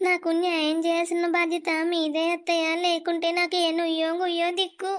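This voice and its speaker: Shrill scheming young village woman in a cartoon, flat singsong delivery. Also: brisk. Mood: wailing. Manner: wailing, manipulative, taunting. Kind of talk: animated village drama acting.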